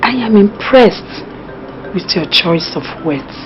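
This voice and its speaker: A woman's voice: on the low side, lively intonation, takes it slowly. A woman playing a mother who doubts an apology and says so. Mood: skeptical. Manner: skeptical. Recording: dull lo-fi film audio with music.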